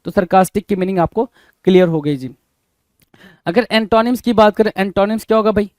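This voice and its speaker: A man's voice: high voice, steady tone, brisk, darkish tone, no echo. A man teaching English vocabulary in Hindi, drilling word lists and constantly asking questions, then answering them himself. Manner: quizzing, keeps asking "bhai?" then answering. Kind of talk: Hindi-English exam-prep lesson.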